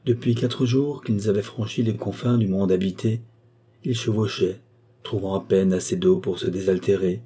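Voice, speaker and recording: A male narrator reads a fantastic short story as an audiobook, in a measured, even storytelling manner. His voice is low and dark, with a husky, slightly breathy grain. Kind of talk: audiobook reading of a fantastic tale.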